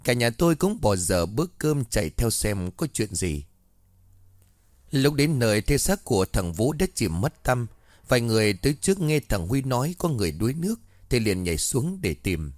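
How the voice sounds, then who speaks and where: A man narrating a ghost story in a lively storytelling manner. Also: medium pitch, normal speed, dry recording, studio quality.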